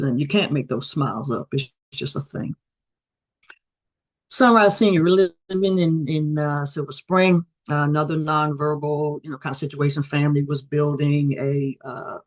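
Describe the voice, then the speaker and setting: Middle-aged woman, guest speaker, animated storytelling, video call mic. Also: low voice. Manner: animated, acts out quoted voices. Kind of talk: storytelling presentation.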